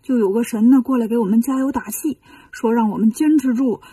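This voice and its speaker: Frightened male monks from a storybook read aloud plead and fret, played by a woman. Their voice is mellow and breathy. It is a touch high-pitched and sits a bit back from the microphone. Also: a little fast, dry recording, recorded from a distance. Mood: worried pleading. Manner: pleading, worried.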